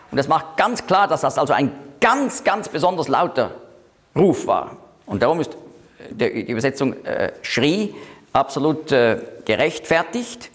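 A man leading a Bible study, explaining verses slowly and deliberately, with frequent hesitations. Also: medium pitch.

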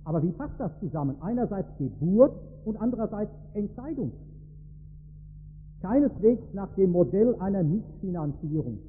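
High husky guy preaching, tinny old recording with lots of hall echo. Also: very animated, normal speed. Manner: emphatic, storytelling preacher. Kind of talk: sermon. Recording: tinny phone-like sound in a reverberant hall.

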